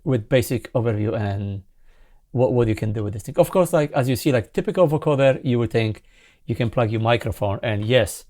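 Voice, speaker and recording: A sound designer in his forties who isn't a native English speaker hosts a casual tutorial on a synthesizer plugin, enthusiastic but halting, in a medium-pitched voice. He records in a small indoor home studio, with loud synthesizer sounds and music behind him.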